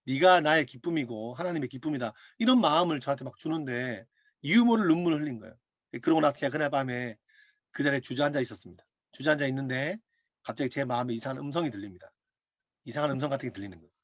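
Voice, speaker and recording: A man's voice: mid-range voice, dry recording. A male pastor preaching a sermon as a personal testimony, telling the story with laughter and acting out what people said. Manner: animated storytelling with laughs and acted-out quotes. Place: online prayer meeting over video call.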